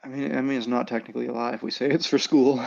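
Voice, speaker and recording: A man's voice: mid-range voice, fairly even intonation, fast, creaky, darkish tone. A man talking casually as a player in a tabletop role-playing game, on a slightly dull microphone. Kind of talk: casual group game chat. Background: background music.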